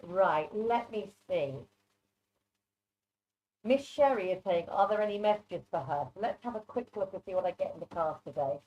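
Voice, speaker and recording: She's a psychic card reader appearing as a guest presenter on an online video call, delivering informal live readings with a lively intonation at a moderate pace in a mid-range voice. Born in England but raised mostly in Norway, she has a mixed English-Norwegian accent and comes across chatty, direct and reassuring through a muffled, soft microphone.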